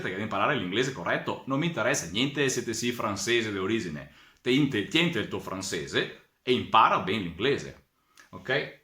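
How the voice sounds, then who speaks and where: A man with a Venetian accent who gives an informal diction lesson in an animated, exclaiming way and slips in dialect words. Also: lowish voice. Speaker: diction teacher. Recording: roomy echo.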